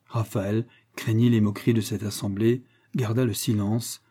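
Male audiobook narrator, warm mellow tone, measured literary reading. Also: on the low side, level tone, breathy edge.

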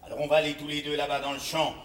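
An echoing, distant stage recording with slight noise carries a man as a cocky army recruiter. He goads and swaggers theatrically in a fairly high voice. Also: monotone, very fast, fairly bright tone, lightly acted. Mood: taunting, swaggering. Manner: goading, swaggering. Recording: echoey theatre, distant mic, faint noise.

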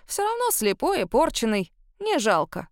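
A woman doing a croaky, bossy old great-grandmother. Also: a little high, wildly swooping pitch, no echo, studio quality. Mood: mocking. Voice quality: gruff, goblin-like croak. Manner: scolding, cackling, drawn-out words. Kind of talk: audiobook reading.

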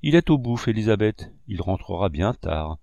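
A man's voice: on the low side, sing-song, normal speed, gravelly, warm tone, no echo. A man reading a distraught, ashamed young woman artist in an audiobook, in a breathless, pleading voice. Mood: weary.

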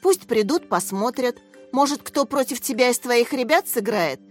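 A woman voicing a kindly elderly male chess professor who speaks gently and encouragingly. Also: a little high, animated, normal speed, soft background music, voice pushed up. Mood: gentle.

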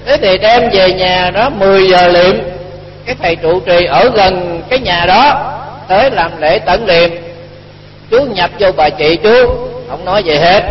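A man's voice: high voice, unhurried. A man, a monk giving a folksy dharma talk and acting out the dialogue of his stories. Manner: folksy, colloquial, acts out dialogue. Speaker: Buddhist monk teacher. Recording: dull lo-fi recording, long hall reverb, faint hum.

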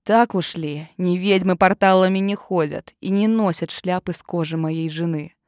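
A woman's voice: lowish voice, steady tone, normal speed, darkish tone, no echo, studio quality, close to an everyday voice. A woman voicing a hissing serpent-man kidnapper. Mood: menacing. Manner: hissing, sinister whispers. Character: menacing male kidnapper, a serpent monster in disguise.

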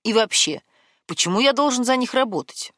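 A woman's voice: a little high, expressive, fairly quick, a bit bright, no room sound, studio quality, voice pushed up. A woman voicing a guarded man with a secret, coaxing and defensive by turns, in an audiobook.

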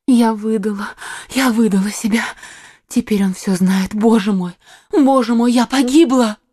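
A woman's voice: a little high, unhurried, warm tone, no room sound, studio quality. A woman voicing a cunning, desperate young noblewoman in an audiobook, speaking in a theatrical, imploring way. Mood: despairing. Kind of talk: audiobook reading.

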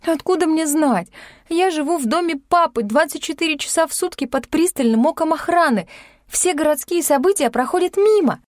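A sharp-tongued young woman snaps back and dodges questions in a dry, close audiobook reading, as the narrator plays her. Her pitch sits higher than the narration and her lines come out defiant. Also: lively intonation, normal speed, no room sound.

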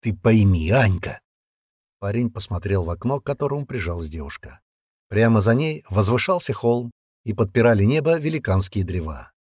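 A man narrating an audiobook with expressive, scripted storytelling. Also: on the low side, fairly quick, husky, dry recording, clean studio sound.

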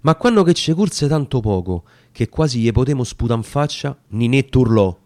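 A man with a Roman accent recites a dialect verse story on the radio, emphatic and theatrical. His medium-pitched voice is animated and a little mellow at a normal speed, with no room sound.

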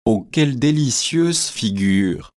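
A man's voice: mid-range voice, expressive, slow, a little mellow, dry recording, studio quality. A man reading as a chatty young bride. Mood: gushing. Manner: eager, gushing, forgetful chatter. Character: young newly married Anglican woman, chatty and flighty. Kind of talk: audiobook character reading.

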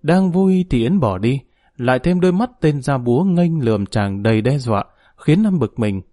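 A man reading a novel aloud in a steady, measured storytelling voice. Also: medium pitch, dry recording, studio quality. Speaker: narrator. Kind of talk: audiobook narration.

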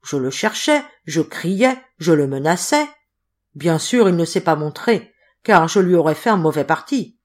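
A woman reading an audiobook, voicing an excitable male court clerk who is indignant and emphatic. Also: fairly low pitch, unhurried. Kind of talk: audiobook character voice.

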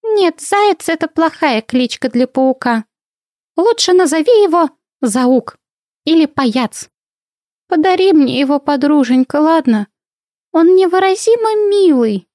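A woman voicing a greedy, playful female guinea pig in a squeaky, giggly, flirty voice. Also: lively intonation, measured pace, a little mellow, dry recording, clean studio sound.

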